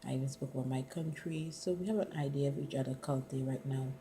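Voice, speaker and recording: A middle-aged woman from the Caribbean, acting as a student interviewer, chats with her partner and keeps saying "you know." Her voice is extremely low and dark, her pace fast, with a faint hiss or hum in the recording.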